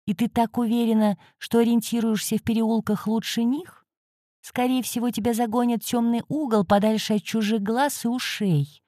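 A woman's voice: a little high, steady tone, normal speed, dark tone, dry recording, clean studio sound, voice pushed up, natural voice. A woman voicing a grumpy, sarcastic male cat guardian who hisses and scolds. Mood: scolding. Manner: hissing, scolding.

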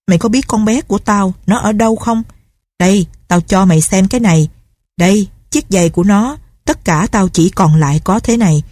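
Brief: a woman doing a bitter, menacing old recluse woman, mellow low-key tone, dry close sound. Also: no room sound, natural voice. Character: grief-crazed vengeful old female recluse. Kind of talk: audiobook character reading.

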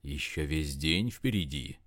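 A hulking aging man with a deep, unhurried, purring voice drifts through his lines in this audiobook, as a male narrator puts him on. The pitch sits well below the reader's own and swings widely. Soft and indulgent, he savours every word. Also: lively intonation, exaggerated voice. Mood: lustful. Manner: low, slow, purring seductive drawl. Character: older man, big, sleepy, lustful, smug. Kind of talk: audiobook character voice.

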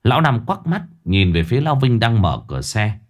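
Brief: male storyteller, lively pitch, dramatic scripted horror narration. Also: fairly quick.

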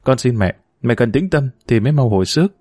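A man reading a gentle, devoted young woman. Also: medium pitch, lively intonation, slightly rough, no echo, clean studio sound. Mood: earnest. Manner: soft-spoken but quick to protest. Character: gentle, devoted young former daughter-in-law.

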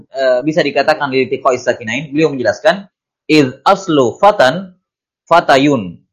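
A man's voice: mid-range voice, a bit bright. A man teaching a study class on Arabic grammar from a classical text, with a mid-range voice. He drawls the Arabic lines, then rattles off the explanation. He keeps asking the class why and answering himself. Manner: reads Arabic text slowly, then explains it in quick Indonesian; asks the class questions and answers them himself.

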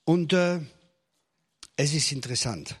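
Husky-voiced male preacher. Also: fairly high pitch, expressive, a little slow. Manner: preaching to a congregation with jokes and rising emphasis. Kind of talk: sermon.

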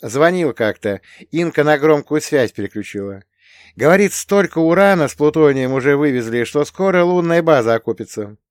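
A man voicing an affectionate, shy young wife who speaks softly and bashfully. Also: a little high, expressive, normal speed, dry recording, clean studio sound, pitched above the performer's own voice, natural voice. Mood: playful. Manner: soft, bashful.

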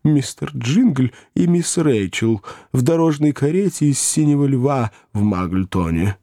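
A man's voice: medium pitch, expressive, warm tone, dry recording, studio quality, pitched above the performer's own voice. Male reader as a timid out-of-breath servant, slightly raised voice, storybook reading. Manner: timid, hurried.

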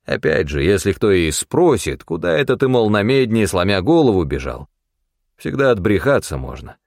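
A man doing a gruff, bossy old mentor. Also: fairly low pitch, very animated, normal speed, darkish tone, no echo, clean studio sound. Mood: grumbling. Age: older. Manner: blunt, scolding, folksy.

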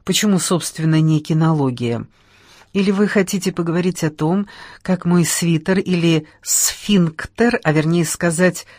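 A woman's voice: sits low, a little mellow, dry recording, clean studio sound. A woman reading an audiobook, voicing a tipsy man who rambles in a mock-lecturing, sing-song way. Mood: provoking.

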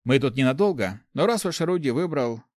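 A man's voice: mid-range voice, lively intonation, a little fast, darkish tone, no echo, clean studio sound, voice pushed up, close to an everyday voice. Curious young light mage Ari, read by a man.

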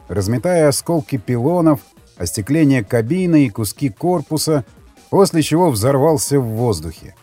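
A man's voice: medium pitch, dark tone, no echo. A man narrating a war audiobook in a dramatic reading style.

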